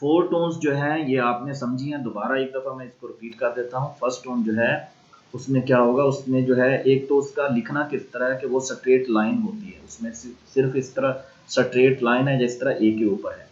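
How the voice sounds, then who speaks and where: A man with a Pakistani accent teaching an online language class, slowly drilling and repeating sounds. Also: mid-range voice, steady tone, muffled recording. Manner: slow repeated drilling of tones.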